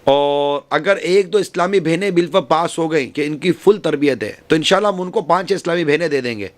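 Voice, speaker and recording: A man preaching to a women's gathering, giving earnest advice and often repeating and rephrasing his points. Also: a little high. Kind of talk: religious speech.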